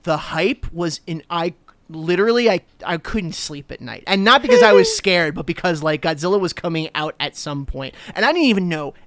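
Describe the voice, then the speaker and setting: A man in his thirties from New Jersey, USA, co-hosts a podcast in casual chat, eager and rambling with plenty of fillers. His voice is on the high side and a bit bright, with lively intonation at a normal speed.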